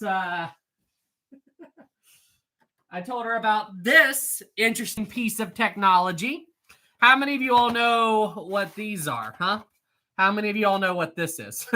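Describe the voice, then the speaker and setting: Streaming live, a man in his thirties chats casually with viewers and reads out their comments, teasing them playfully. He laughs often and clears his throat now and then, his high voice sounding pushed and bright.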